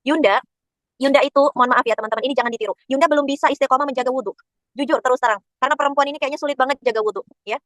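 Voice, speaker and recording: A woman's voice: high voice, racing, fairly bright tone, no echo. A woman religious teacher giving an emotional webinar sermon, telling stories and speaking straight to her listeners. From Indonesia. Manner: emotional, addresses listeners directly and often.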